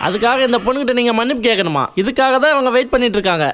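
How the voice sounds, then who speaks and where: An actor playing a calm, formal school headmaster. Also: male voice, extremely high pitch, rapid-fire.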